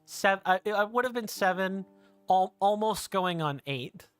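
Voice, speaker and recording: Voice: medium pitch, lively intonation, measured pace, clear, resonant tone, no room sound, faint music behind. A streamer in their thirties from the United States, chatting casually while playing a game and rambling, correcting themselves and musing aloud. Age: 30s. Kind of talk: casual let's-play chat.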